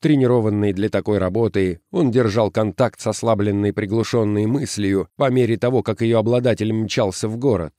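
Male audiobook narrator, lowish voice, dry booth sound, measured. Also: dry recording. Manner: steady, measured storytelling. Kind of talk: scripted narration.

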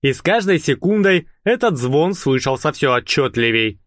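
A man narrating an audiobook in an expressive storytelling manner. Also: a little high, moderate pace, dry recording, studio quality.

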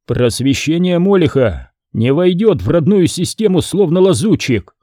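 A man's voice: on the high side, very animated, normal speed, mellow, no echo, pitched above the performer's own voice. A man voicing a stern, commanding ship captain. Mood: firm. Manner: firm, commanding, dry. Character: stern male ship captain, firm and dry. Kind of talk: audiobook character reading.

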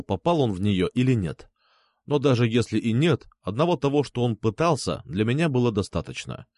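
A man narrating a first-person crime audiobook with a dramatic, expressive reading. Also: mid-range voice, dry recording, clean studio sound.

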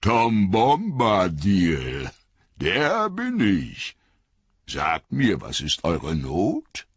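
A man voicing a jolly, loud old man who talks in a drawn-out sing-song, in a dull, lo-fi recording. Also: deep voice, wildly swooping pitch, husky, no room sound, voice pushed up, full character voice. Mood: jolly, booming.

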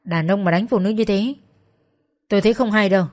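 A woman voicing a calm, protective man who firmly confronts an abuser. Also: medium pitch, a little fast, natural voice. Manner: calm, firm, controlled.

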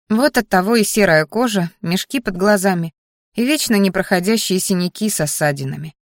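A woman narrating a first-person fantasy audiobook in a lively, wry storytelling manner. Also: mid-range voice, no echo. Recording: dry close audiobook recording.

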